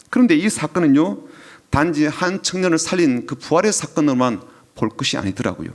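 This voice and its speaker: A male pastor delivering an emotional sermon, telling the story with drops to a whisper and sudden rises. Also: medium pitch. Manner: emotional storytelling preaching, dropping to whispers and rising in swells.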